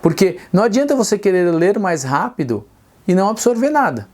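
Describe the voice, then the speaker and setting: A man's voice: high voice, very animated, brisk, darkish tone. A middle-aged man teaching speed reading straight to camera, earnest and persuasive, asking rhetorical questions and answering them himself.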